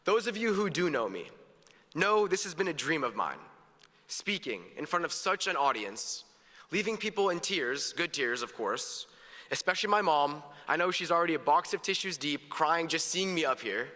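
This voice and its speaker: A teen male student speaks at his graduation in a vast, echoing hall with long reverb, mixing jokes into a sincere, upbeat message. His slightly high voice is bright and forceful, moving at normal speed with big pitch swings.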